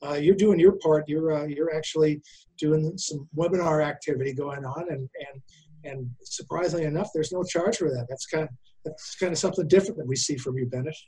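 A man's voice: on the high side, fairly even intonation, fairly quick, warm tone, slightly rough, poor audio. A man hosting a casual panel chat, teasing his co-hosts in a loose, easygoing way. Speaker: host.

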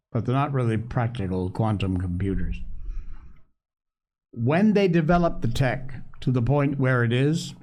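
A man hosting an opinionated news commentary show, speaking emphatically with dramatic pauses straight to his listeners. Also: medium pitch, a little mellow. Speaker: show host.

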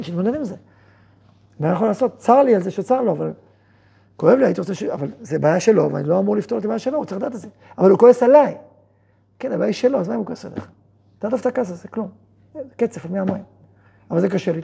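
A man, a rabbi, teaching a Torah lesson to students, playing out both sides of imagined conversations with quick rhetorical questions and then explaining in a softer tone. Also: sits high, vocal fry, slightly rough. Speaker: rabbi and yeshiva head.

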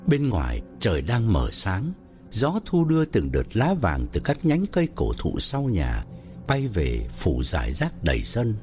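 Man narrating a ghost story, very animated. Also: fairly low pitch, a little slow, faint music behind.

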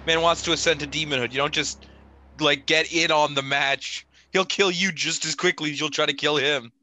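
Wry bright-voiced man. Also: fairly high pitch, steady tone, moderate pace, a little hiss or hum. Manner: wry, loose phrasing. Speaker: podcast co-host. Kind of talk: casual discussion.

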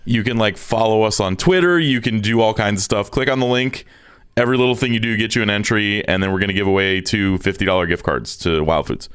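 A man co-hosting a podcast in a relaxed, joking casual chat. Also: fairly low pitch, fast talker, clear, resonant tone. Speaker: podcast co-host.

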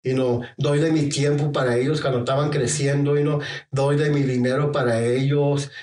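A middle-aged man preaching a sermon in a halting way, often repeating a filler phrase and slipping into English phrases. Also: medium pitch, flat delivery, a little mellow. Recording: echoey room, from far off.

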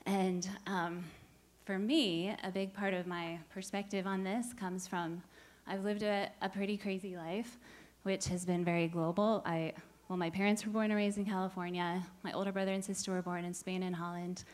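A woman in her forties from the United States, a member of a church search team, answers questions during a service while working from notes. Her mid-range voice has a darkish tone and flat delivery at normal speed. She comes across as candid and a little nervous.

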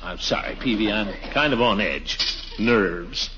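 An actor playing a pompous, anxious middle-aged uncle in a blustering, theatrical 1940s radio comedy style. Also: male voice, lowish voice, measured pace, natural voice. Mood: nervous, evasive. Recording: dull, noisy 1940s radio recording.

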